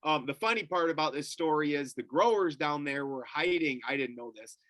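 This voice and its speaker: A man's voice: fairly high pitch, a little fast, no echo. A middle-aged man telling a story as a podcast guest, casually and with a lot of swearing. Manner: profane, animated storyteller.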